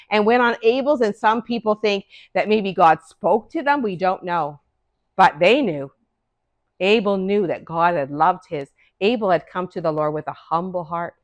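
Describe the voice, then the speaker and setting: An older woman telling a Bible story to a class of children, animated and speaking to them directly. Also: mid-range voice.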